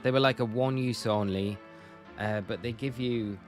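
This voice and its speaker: A man's voice: medium pitch, steady tone, moderate pace, soft background music. A young man from Northumberland, chatting casually and rambling with viewers on a live stream. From Northumberland, England. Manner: chatty, rambling, self-correcting.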